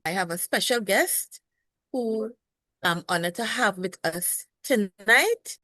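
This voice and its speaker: A woman's voice: medium pitch, fairly bright tone, dry recording. A woman nurse hosting a health show, formally introducing her guest and asking broad questions. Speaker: podcast host and nurse.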